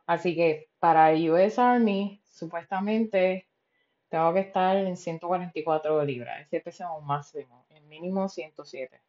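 A woman's voice: fairly low pitch, normal speed, a little mellow, lo-fi sound. A woman with a Puerto Rican accent talking frankly and casually on her own podcast, swearing freely and dropping English words into her speech. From Puerto Rico. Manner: frank and profane, mixing in English words, many fillers. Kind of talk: casual solo podcast monologue.

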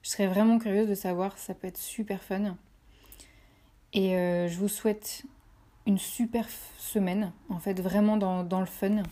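At a measured pace, a French woman with a warm, medium-pitched voice and steady tone hosts a motivational podcast. Addressing listeners directly, she encourages them and repeats phrases for emphasis.

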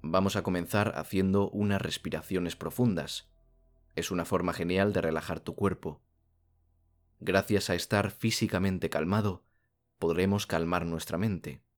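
A man from narrates a soothing guided sleep meditation like a bedtime story narrator, speaking calmly in slow phrases with long pauses. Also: low voice, faint music behind.

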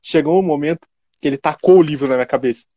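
A man's voice: a little high, dry recording, lo-fi sound. A young man, telling school stories in casual chat and acting out the quotes. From Curitiba, Brazil. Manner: quick, laughing storyteller who acts out quotes.

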